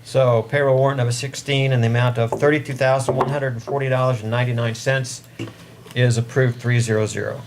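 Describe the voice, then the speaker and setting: A man's voice: medium pitch, steady tone, brisk. Man chairing a meeting, speaking up, noisy room. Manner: speaking up to carry across the room. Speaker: select board chair running a meeting. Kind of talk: formal meeting procedure.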